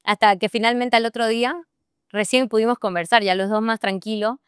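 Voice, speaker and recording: A young woman with a Santa Cruz Bolivian accent, talking as a podcast guest. Her voice is very smooth and fairly high. She tells her story in a lively way, laughs often and acts out her own thoughts. The sound is dry and close. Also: a little fast, no room sound. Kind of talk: personal storytelling in a casual interview.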